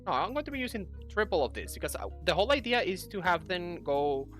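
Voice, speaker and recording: This young gaming YouTuber talks fast in a high, sing-song, fairly bright voice. He gives casual commentary while playing at a computer indoors, explaining things and thinking aloud over game music.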